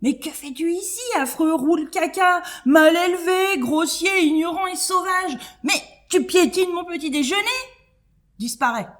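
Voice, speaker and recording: A woman voicing a haughty young female butterfly in a children's storybook reading, scolding in a high, loud voice. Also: animated, a little slow. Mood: furious scolding.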